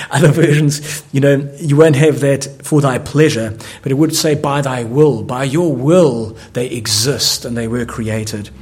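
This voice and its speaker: A man's voice: mid-range voice, a little mellow. A man preaching a sermon, earnest, often restarting words as he builds each point. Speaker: pastor.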